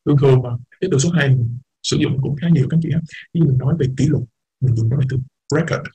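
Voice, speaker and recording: A man's voice: mid-range voice, fast, warm tone, slightly rough, rough recording. A man teaching an English class, explaining patiently, repeating words and mixing English terms into his talk. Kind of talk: online class lecture.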